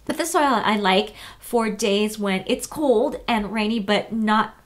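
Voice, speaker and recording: Woman, 30s, beauty vlogger, casual and chatty, relaxed, filler-heavy, mid-pitched voice. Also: unhurried. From United States. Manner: chatty, relaxed, frequent fillers and self-corrections.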